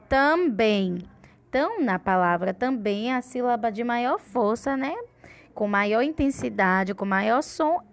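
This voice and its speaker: A woman teaching a children's grammar lesson in a patient, clear voice pitched slightly high. She slows down and stretches out each example word.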